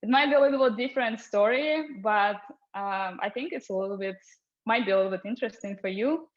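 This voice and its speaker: A woman's voice: mid-range voice, a little fast, muffled recording. Nervous Russian-accented woman storyteller. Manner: nervous, apologetic, laughing often. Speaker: storyteller, veterinarian. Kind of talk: personal storytelling.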